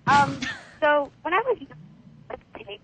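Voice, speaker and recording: A woman calling in to a radio show from a payphone. She speaks haltingly with many pauses. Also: sits high, very animated, a crowd in the background. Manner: hesitant, halting. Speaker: caller. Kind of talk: call-in radio chat. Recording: muffled telephone line.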